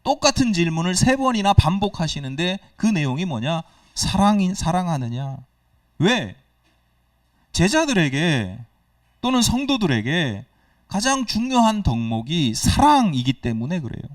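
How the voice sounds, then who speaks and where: Recorded dry and far from the mic, a male pastor delivers a sermon in a church sanctuary at a measured pace, questioning the congregation and performing quoted dialogue. His voice sits high and swings widely in pitch.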